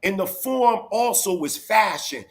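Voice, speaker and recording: A man's voice: sits high, animated, a little slow. A man in his forties from Philadelphia, arguing his case in a heated debate, lecturing and insistently piling up examples. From Philadelphia, USA. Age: 40s.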